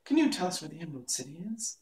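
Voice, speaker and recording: Man voicing an earnest, high-pitched young girl. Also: very animated, very fast, a little mellow, echoey room, distant mic, close to an everyday voice. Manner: polite, questioning.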